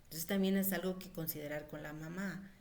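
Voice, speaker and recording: A deep-voiced woman with a dark tone and fairly even intonation talks a little fast in a casual pediatric nutrition lecture. She chats along with frequent fillers and acts out mothers' remarks.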